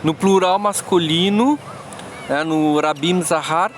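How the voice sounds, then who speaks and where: Halting man explaining slowly. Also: on the high side, noisy background. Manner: slow, halting explanations with frequent restarts. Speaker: language teacher. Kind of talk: screen-recorded app tutorial.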